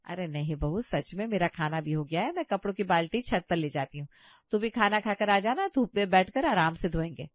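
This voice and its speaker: Brief: gentle middle-aged mother-in-law, coaxing and patient, voiced by a woman, dry close sound. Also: fairly low pitch, animated, brisk, no echo, close to an everyday voice. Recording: dull lo-fi sound.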